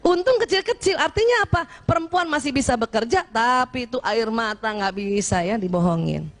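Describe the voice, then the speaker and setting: A woman giving a lively talk to an audience of women, animated and often checking in with her listeners. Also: on the high side, moderate pace. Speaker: speaker addressing women.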